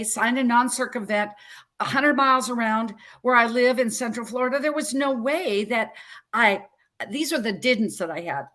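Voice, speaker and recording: A woman in her sixties, a health coach telling her story as an interview guest in an animated, emphatic way. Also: a little high. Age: 60s. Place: Central Florida.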